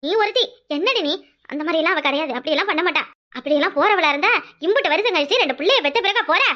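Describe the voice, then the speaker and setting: A woman's voice: very fast, heavily acted. A woman with a southern Tamil Nadu accent voicing a loyal elder village sister who scolds firmly in a cartoon. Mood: scolding. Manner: firm, scolding, lower and steady. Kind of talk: cartoon voice acting.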